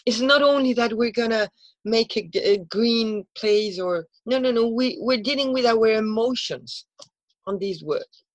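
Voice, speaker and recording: A woman's voice: fairly high pitch, measured pace, no echo. A native Spanish-speaking woman with a Spanish accent talks earnestly and emotionally, repeating herself and searching for English words as if translating in her head. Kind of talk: heartfelt conversation.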